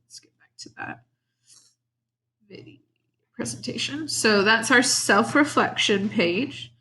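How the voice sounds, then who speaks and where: A woman's voice: fairly high pitch, takes it slowly, pushed and bright. A woman teacher talking her class through an online lesson, casual and explanatory with fillers.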